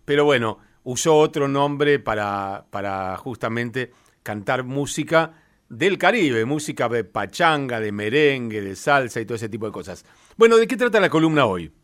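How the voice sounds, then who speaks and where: Argentine radio host, chill chatty voice, medium pitch. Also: male voice, very animated, normal speed, fairly bright tone. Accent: Argentine Spanish. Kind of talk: casual on-air chat.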